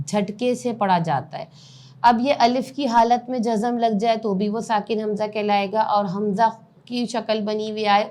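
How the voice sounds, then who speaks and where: A woman's voice: mid-range voice, darkish tone. Patient woman teaching Quran reading. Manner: patient, spells out letters and vowel marks slowly, recites in slow chant. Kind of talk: step-by-step lesson explanation.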